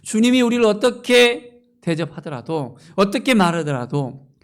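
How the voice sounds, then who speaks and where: A male pastor preaching a sermon with passion, moving from loud exclamations to near-whispers and asking his congregation rhetorical questions. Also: sits high, very animated, moderate pace.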